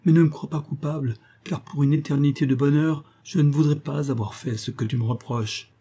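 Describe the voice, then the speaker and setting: A man voicing a tender young woman raised among poisonous flowers, speaking softly and pleading in a raised voice. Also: steady tone, a little fast, slightly rough. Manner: soft, pleading, raised pitch.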